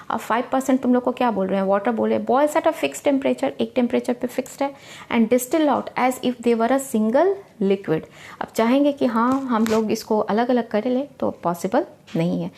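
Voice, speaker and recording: A woman tutor giving a recorded chemistry lecture, explaining step by step, often checking that students follow, and reading definitions slowly. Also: medium pitch, dark tone. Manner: reads English definitions slowly and deliberately.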